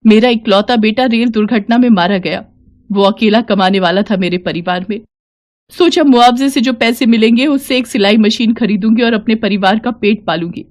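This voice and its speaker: A woman's voice: on the high side, normal speed, a little mellow, natural voice. A woman voicing a poor older widow who pleads plaintively for her money. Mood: pleading.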